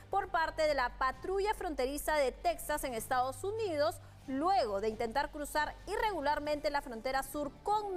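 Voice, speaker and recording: Female Peruvian co-anchor, high voice, formal reader, faint music under. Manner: formal, reads aloud, frequent assent sounds. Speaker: news co-anchor. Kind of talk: live news commentary and reading a statement.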